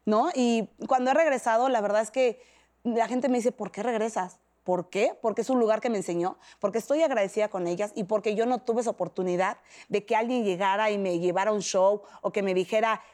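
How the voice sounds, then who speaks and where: A middle-aged Mexican woman, a podcast guest, tells an emotional personal story in an animated way, acting out the voices of people she quotes. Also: mid-range voice, quick pace.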